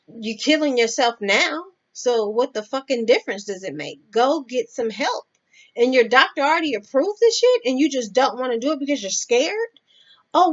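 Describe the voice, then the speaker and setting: A woman giving blunt, profane advice in a casual vlog, talking straight to the viewer. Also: a little high. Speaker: vlogger. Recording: dull lo-fi sound.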